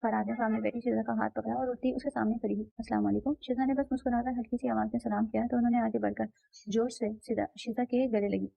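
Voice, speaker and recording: A woman narrating a romance novel aloud with steady storytelling. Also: on the high side, quick pace, vocal fry, dry recording. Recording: dull, slightly muffled dry recording.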